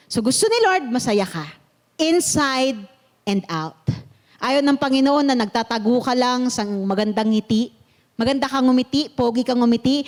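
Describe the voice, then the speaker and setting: A woman pastor with a Filipino accent, preaching an animated sermon that switches between Tagalog and English. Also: fairly high pitch. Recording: long reverb of a hall.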